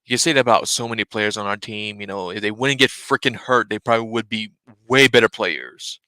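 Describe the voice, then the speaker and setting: A man's voice: fairly low pitch, fairly quick, bright, forceful tone, no echo. Blunt, profane young man on a live stream. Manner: blunt, swears freely, rambling. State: sneezing, stuffy. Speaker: fan channel host. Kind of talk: casual live-stream chat.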